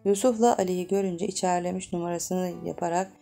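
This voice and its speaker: A woman narrates a novel in a steady, measured way. Her voice is low and gravelly with a dark, mellow tone, and soft guitar music plays behind her. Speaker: audiobook narrator. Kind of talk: novel reading.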